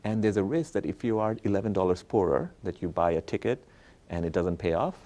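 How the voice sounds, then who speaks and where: Interviewed as a guest, this economics professor from Bangladesh walks through his research in a conversational, explanatory way, frequently tossing in "right?" and "okay?". He speaks a little fast in a deep, warm voice.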